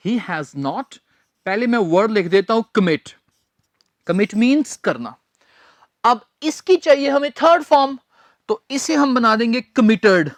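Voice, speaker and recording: A man teaching English grammar in a recorded lecture, speaking deliberately, spelling words letter by letter and repeating key phrases. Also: very high-pitched, lively intonation, no room sound, studio quality.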